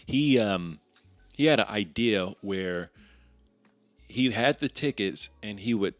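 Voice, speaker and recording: A man who directs films, a guest on a podcast, telling a story in a halting way that repeats words. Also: on the low side, animated, no echo, faint music behind. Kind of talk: casual podcast chat.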